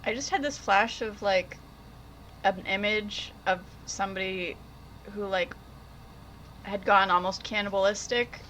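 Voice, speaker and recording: Bright, enthusiastic female co-host; teasing, casual banter. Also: medium pitch, unhurried, long pauses, slight background noise. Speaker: podcast co-host. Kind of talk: casual podcast chat.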